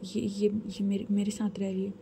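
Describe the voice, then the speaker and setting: A woman voicing a nervous young woman who stammers and speaks in a hushed way to her mother. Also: medium pitch, monotone, moderate pace, creaky, a little hiss or hum, close to an everyday voice.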